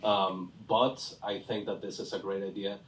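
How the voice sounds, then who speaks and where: A man judging a pitch competition, enthusiastic and chatty as he asks a long question. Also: level tone, moderate pace. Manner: enthusiastic, chatty, self-deprecating. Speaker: competition judge. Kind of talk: judge's question. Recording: echoey hall from far off, faint room noise.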